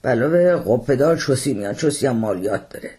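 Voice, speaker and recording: A husky-voiced man doing a jovial, teasing tavern host. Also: medium pitch, lively intonation, mellow. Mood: joking. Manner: playful, teasing banter. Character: jovial flattering male tavern host, joking. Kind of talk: audiobook character voice.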